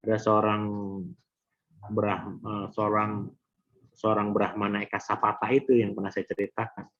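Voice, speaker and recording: Husky low-voiced man teaching a class. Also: completely flat delivery, moderate pace, a bit bright. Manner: conversational, addresses audience directly. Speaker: Abhidhamma teacher. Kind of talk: Buddhist class lecture. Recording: dull lo-fi recording.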